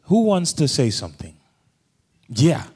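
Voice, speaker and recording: A man's voice: on the high side, sing-song, unhurried, a little mellow, slightly rough. A man from Uganda hosting a public panel, joking and bantering with the audience. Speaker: host. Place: large hall with an audience.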